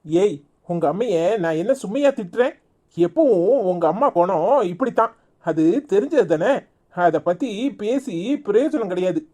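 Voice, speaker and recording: A woman's voice: medium pitch, animated, moderate pace, mellow, natural voice. A woman voicing a young husband in a cartoon, coaxing and reassuring with a Tirunelveli Tamil accent. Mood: soothing. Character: young husband, teasing but soothing.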